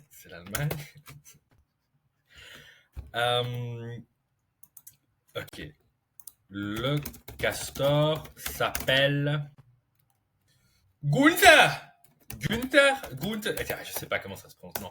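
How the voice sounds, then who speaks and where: Male tutor, bright and crisp, very slow playful storytelling with lots of repetition. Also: medium pitch, slight background noise. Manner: playful, repeats key words slowly, checks understanding. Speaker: language tutor. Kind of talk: slow storytelling lesson for beginners.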